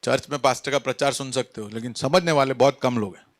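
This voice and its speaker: A man's voice: medium pitch, fast talker. A man preaching a sermon at a church service, fervent, calling out to the congregation and mixing in English phrases. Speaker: pastor.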